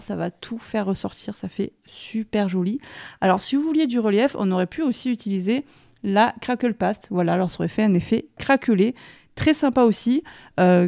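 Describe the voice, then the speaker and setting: A woman's voice: mid-range voice, gravelly, dark tone. A woman presenting a casual hands-on craft tutorial, chatting and explaining each step while she works.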